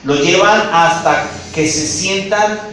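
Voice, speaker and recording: A man from Mexico, preaching a sermon to his congregation in an animated way and calling them brothers. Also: sits high, slow, a little hiss or hum. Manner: animated, addresses listeners as brothers. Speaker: pastor. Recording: echoey room, mic far off.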